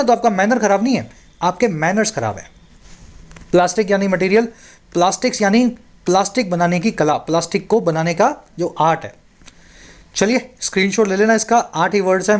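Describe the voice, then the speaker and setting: High-voiced man teaching in Hindi. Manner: explains in Hindi, reads English lines slowly. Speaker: English tutor. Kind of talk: bilingual newspaper reading lesson.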